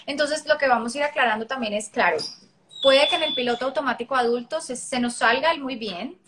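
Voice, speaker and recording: A woman, a parenting educator talking on a live stream, lively and acting out little quotes. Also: high voice, a little fast, noisy background. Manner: lively, acts out child and parent voices.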